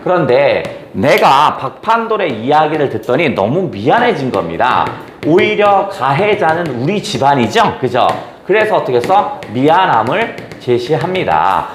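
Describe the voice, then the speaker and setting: Animated man lecturing on a story. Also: unhurried, few pauses, reverberant, slight background noise. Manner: animated, acts out quoted lines with raised pitch, asks rhetorical questions. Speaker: Korean literature lecturer. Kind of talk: exam-prep literature lecture.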